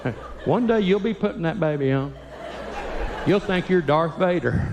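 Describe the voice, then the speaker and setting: A man's voice: fairly high pitch, animated, normal speed, in a large hall, noisy background. An older man doing stand-up comedy in a church, folksy, teasing the audience and acting out quotes. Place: church sanctuary.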